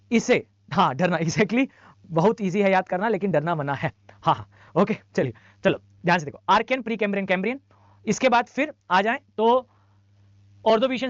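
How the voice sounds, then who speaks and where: A man's voice: high-pitched, dry recording. A male teacher giving an online class lecture, drilling lists by repetition and mixing English phrases into his talk. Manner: drills lists by rote, repeating for students; mixes English phrases into Hindi. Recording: dull dry lo-fi mic.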